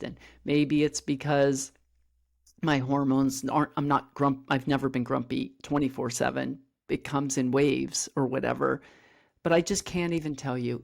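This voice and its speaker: A woman's voice: a bass voice, vocal fry, a little mellow. Middle-aged woman telling a personal story. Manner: open, personal storytelling with frequent reenacted dialogue. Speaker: podcast co-host. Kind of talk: candid podcast conversation.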